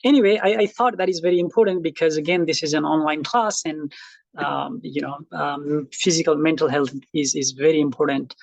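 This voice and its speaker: Speaking to online students in a casual lecture, this middle-aged college instructor from Nepal has a Nepali accent and reflects as he goes, with lots of fillers and restarts. His fairly high voice has a steady tone, vocal fry and a brisk pace. The recording has no room sound.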